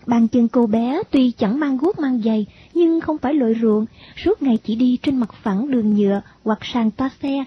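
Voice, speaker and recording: A woman narrating a story in an even, expressive reading. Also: on the high side, normal speed, few pauses, slight background noise. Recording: dull lo-fi recording.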